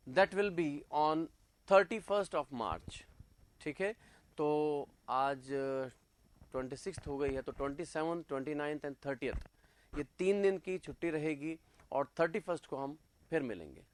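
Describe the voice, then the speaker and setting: A male teacher leads an exam-prep lecture, dictating notes word by word and pausing on fillers while he explains. His voice sits a little high.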